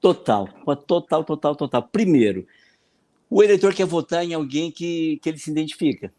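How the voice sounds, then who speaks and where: A man with a Brazilian Portuguese accent, a consultant answering questions in a podcast interview. He explains in an animated way, often repeating words and acting out the voices of the people he quotes. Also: a little high, moderate pace. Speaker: political consultant and speaking coach.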